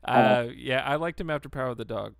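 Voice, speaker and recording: A man's voice: medium pitch, quick pace, vocal fry, smooth, no echo, studio quality. A man hosting a casual chat with friends, blunt, joking and opinionated. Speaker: podcast host.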